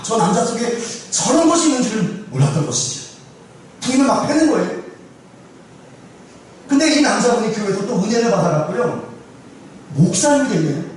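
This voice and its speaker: Lively male pastor in echoey church. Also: sits high, recorded from a distance. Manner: animated storytelling, rhetorical questions. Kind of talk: sermon. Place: church sanctuary. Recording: very echoey church hall from afar, faint noise.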